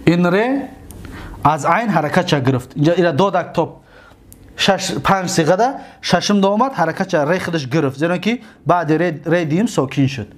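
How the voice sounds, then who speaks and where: A man with a Tajik accent teaching grammar, drawing out and repeating each word form slowly for his students. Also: fairly high pitch, animated. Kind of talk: grammar lecture.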